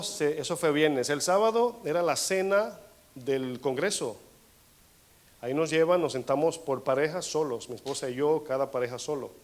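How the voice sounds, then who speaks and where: A man preaching a sermon as pastor, telling a personal story and calling the listeners brothers. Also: a little high. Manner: acts out dialogue, swings between soft asides and raised bursts.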